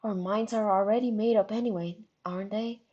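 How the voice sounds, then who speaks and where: A woman playing a refined young troll lady who speaks in a lower, measured voice. Every word is enunciated carefully, with a calm, composed poise. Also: dull audio, close to an everyday voice.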